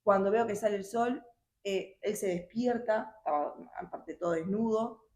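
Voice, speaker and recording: A young woman telling her personal testimony in a halting, emotional way with many restarts. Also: medium pitch, a little mellow. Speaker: guest sharing her testimony. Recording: roomy echo.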